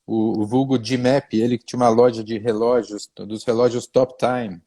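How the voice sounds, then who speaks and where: With a mellow, medium-pitched voice at a level tone and normal pace, this middle-aged Brazilian man appears as a comedian guest in a live-stream interview. His Brazilian Portuguese accent colors hesitant, repetitive speech full of wry self-mockery and occasional lapses into pompous, old-fashioned language.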